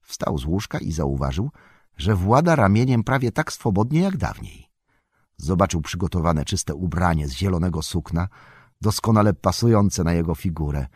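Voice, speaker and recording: A man narrating a fantasy audiobook in a measured, expressive storytelling manner. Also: deep voice, breathy edge, dry recording, studio quality.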